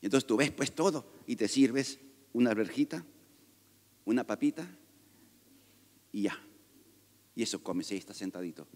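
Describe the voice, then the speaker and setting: A man delivers a sermon, moving between emphatic teaching and loose, joking asides to his congregation. His voice sits at an ordinary middle pitch. The long reverb of a church sanctuary trails after each phrase. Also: animated, moderate pace, long pauses, a little mellow. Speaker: pastor.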